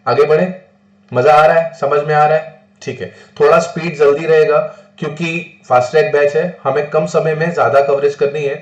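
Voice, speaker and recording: A man from northern India teaching a fast-paced tax lecture, mixing English terms into his Hindi and answering his own rhetorical questions. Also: on the high side, steady tone, dull audio. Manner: asks rhetorical questions and answers them himself. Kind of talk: exam-prep classroom lecture. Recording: roomy echo.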